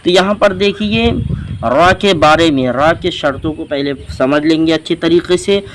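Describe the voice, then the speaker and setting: A man's voice: on the high side, measured pace, fairly bright tone, a little hiss or hum, poor audio. A man teaching Quran reading, patiently spelling out letters and vowel marks syllable by syllable in a step-by-step lesson. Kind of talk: slow step-by-step recitation lesson.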